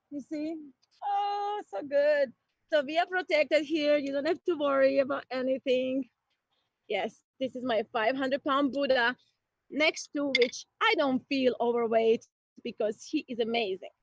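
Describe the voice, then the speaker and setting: In a dry, somewhat dull recording that sounds like a home streaming mic, a woman from Croatia does playful stand-up. Her voice is high and bright; she talks in a slow, deliberate way and then breaks into bursts of excitement.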